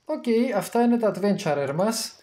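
A man giving casual gameplay commentary, chatty and excitable, thinking aloud as he plays. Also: high voice. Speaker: gamer streaming his play.

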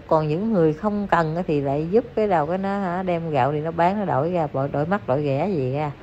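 A woman's voice: fairly low pitch, mellow. A woman with a Southern Vietnamese accent giving chatty, scolding gossip commentary straight to her viewers. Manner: chatty, scolding, addresses listeners as aunts and uncles. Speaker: online commentator. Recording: dull lo-fi recording with faint noise.

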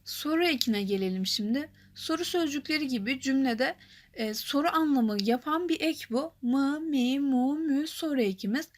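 A young woman teaching a grammar lesson, explaining calmly and clearly and reading example lines slowly. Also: high-pitched.

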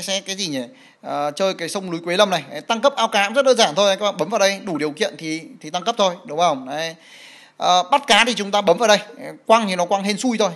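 Guy with a high voice talking through a game menu, lots of ums and repeats, keeps asking right?. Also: fairly bright tone. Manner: explanatory, frequent fillers and repeated words, asks "right?". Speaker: game guide presenter. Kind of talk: casual gameplay walkthrough.

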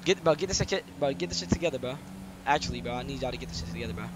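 Over loud game audio and vehicle noise, a man with a mid-range voice chats rapid-fire with friends as he streams, role-playing and joking in slang peppered with swearing.

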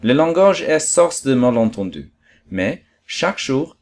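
A wistful male fox as a man reads him speaks with patient earnestness. His pleas are soft and lonely, the voice of a storybook creature. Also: medium pitch, very animated, unhurried.

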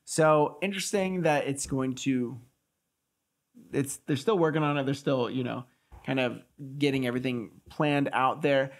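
A man's voice: mid-range voice, normal speed. A man in his thirties co-hosting a podcast, chatting casually and jokily at a desk mic in a small studio. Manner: animated, gestures a lot, jokey. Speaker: podcast co-host. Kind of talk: casual chat. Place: small studio set, indoors. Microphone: desk mic on stand.

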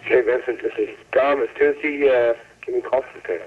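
A man's voice: medium pitch, fairly even intonation, fairly quick, husky. A man leaving a casual, friendly, rambling message on an answering machine over a noisy telephone line. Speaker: caller leaving a phone message. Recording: tinny, noisy, distant answering machine tape.

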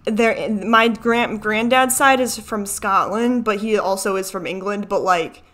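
Steady in tone, measured in pace and fairly bright, a mid-range voice belongs to a young adult video host from Chicago with a Chicago American accent. Her casual reaction commentary rambles and interrupts itself, captured in a small furnished home room where a desk microphone is seen at the frame edge.

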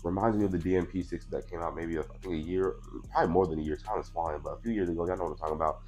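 Racing along in a low, darkish voice, a young man in his twenties unboxes sneakers while faint music plays behind him. Slightly congested from allergies, he chats casually into a clip-on mic in a small room with purple lighting. The vlogger comes across as laid-back and chatty, repeating "you know what I'm saying" often.

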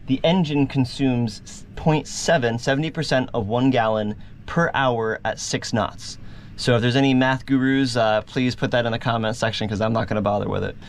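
A man's voice: mid-range voice, fairly even intonation, moderate pace. A man hosting a vlog, giving a casual, upbeat tour inside a sailboat cabin and talking straight to his viewers.

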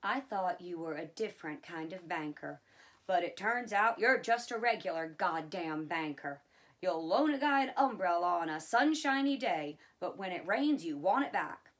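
A woman's voice: fairly low pitch, moderate pace, hardly any pauses, fairly bright tone. A woman reading a blunt, scolding studio boss. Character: frustrated middle-aged studio boss, blunt.

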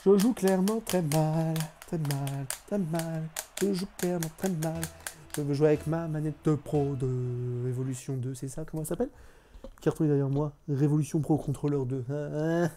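A man's voice: fairly high pitch, steady tone, normal speed, dark tone, a little hiss or hum. A young man streaming a live game, chatting with his viewers, joking and mocking himself as he plays. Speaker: gaming streamer. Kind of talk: live gameplay commentary.

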